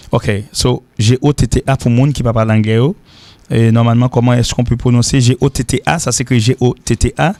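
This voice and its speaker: A man's voice: mid-range voice, darkish tone, dry recording. A man with a mid-range voice leads a radio English lesson. He repeats each word again and again as a drill. The studio sound is dry and close. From Haiti. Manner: repeats words slowly for drills, mixes languages. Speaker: English teacher.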